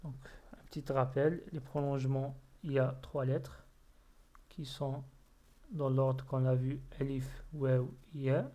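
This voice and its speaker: Slow, patient man teaching reading. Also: medium pitch, flat delivery, mellow, dull audio. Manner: patient, repeats words syllable by syllable. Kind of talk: slow explanatory lesson.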